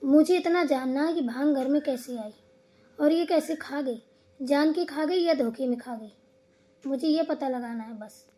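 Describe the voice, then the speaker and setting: A sharp-tongued old mother-in-law from a cartoon comedy scolds and complains in earthy, rustic phrases, voiced by a woman. The voice sits high for an old lady. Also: measured pace. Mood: suspicious.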